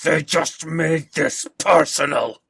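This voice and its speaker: A man voicing a furious, brutish Irish male warrior who speaks gruffly and growls his words slowly. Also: medium pitch, steady tone, bright, forceful tone, no echo. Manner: gruff, growling, slow and heavy.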